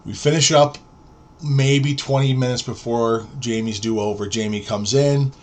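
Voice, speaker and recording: Man in his forties telling a lively story. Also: medium pitch, normal speed. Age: 40s. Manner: animated storyteller, acts out quoted dialogue. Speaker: podcast co-host. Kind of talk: casual storytelling chat.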